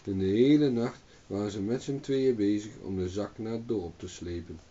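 A man reading a fairy tale aloud as a storyteller, in calm steady narration, on a dull distant recording. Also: lowish voice, moderate pace.

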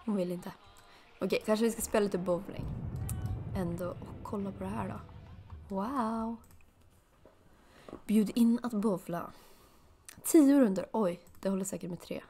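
A woman giving casual let's play commentary, chatty, with sudden excited high bursts and soft asides. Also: pauses often, slight background noise. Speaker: gaming video creator.

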